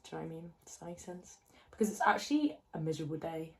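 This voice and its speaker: A woman's voice: deep voice, lively intonation, rapid-fire, vocal fry, darkish tone. A woman in her twenties, chatting casually while doing her makeup in a get-ready-with-me vlog, rambling with lots of fillers and asides. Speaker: fitness vlogger. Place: home, indoors. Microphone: phone camera held close.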